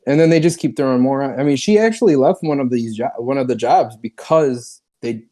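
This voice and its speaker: Laid-back man with a mellow voice. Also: medium pitch, a little fast. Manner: laid-back, easygoing, profane. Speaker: podcast co-host. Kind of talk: casual chat.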